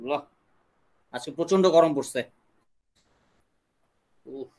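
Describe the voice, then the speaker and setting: A young man with a Bangladeshi accent teaching an online English class, slowly drilling questions and answers for students to repeat. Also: a little high, a little mellow. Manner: slow deliberate drilling of English sentences.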